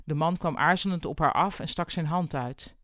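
A narrator reading a storybook in a wry, even audiobook style. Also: medium pitch, moderate pace, dry recording, clean studio sound.

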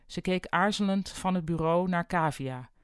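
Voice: medium pitch, moderate pace, clean tone, no echo. Dry, wry audiobook narrator.

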